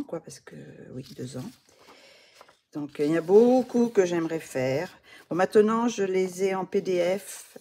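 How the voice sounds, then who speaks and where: A middle-aged woman talks through her coloring pages in a casual, hesitant way, full of fillers and restarts. Her voice sits low and has a gravelly fry. A faint hiss of noise runs underneath. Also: warm tone. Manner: hesitant, many fillers and restarts, laughs at herself. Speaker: coloring hobby vlogger. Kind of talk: casual show-and-tell.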